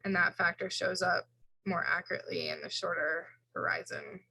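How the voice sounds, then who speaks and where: A woman's voice: lowish voice, flat delivery, normal speed, gravelly, pushed and bright, slightly rough, rough recording. A woman instructor giving an informal recorded lecture, walking through slides in a casual way with fillers and self-corrections.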